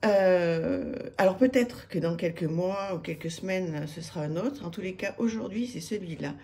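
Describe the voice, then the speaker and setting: A woman's voice: fairly low pitch, moderate pace, warm tone. A woman, chatting to camera about her tarot decks, hesitant with many fillers and restarts, enthusiastic. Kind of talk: casual chat to camera. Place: home room with street noise outside.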